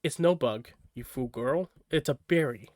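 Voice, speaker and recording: A man reading aloud and voicing a gruff, salty old grandmother who curses and teases. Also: medium pitch, moderate pace, a little mellow, no echo, studio quality, lightly acted. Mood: gruff teasing. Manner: brash, cursing, mock-scolding.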